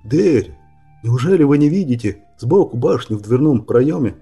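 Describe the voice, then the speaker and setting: An urgent young hero insists on what he sees, as a male narrator reads him. The voice is husky and very dark. It stays close to the reader's own storytelling voice. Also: mid-range voice, expressive, moderate pace, muffled recording, faint music behind. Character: young man, urgent and pleading.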